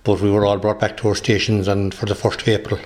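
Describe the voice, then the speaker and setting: A man in his sixties with a west of Ireland accent, recalling his working life in an interview in a halting, hesitant way. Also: on the low side, little pitch movement, darkish tone. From Galway, west of Ireland. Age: 60s. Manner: halting, hesitant delivery with repeated words. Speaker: interviewee, retired police officer. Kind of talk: recollection in an interview.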